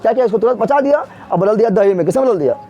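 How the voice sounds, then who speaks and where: Speaking in plain, colloquial language with regional Bihari phrasing, a man drills his class in a room with a board, asking questions and repeating the answers again and again. His voice sits high, with lively intonation and a rapid-fire delivery, and the highs are cut off.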